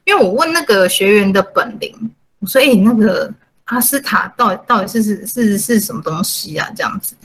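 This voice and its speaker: A woman's voice: medium pitch, fairly quick, breathy edge, low-quality recording. A woman hosting a podcast, telling a story casually and acting out the lines of the people in it. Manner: chatty, quotes others in animated asides. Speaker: podcast host.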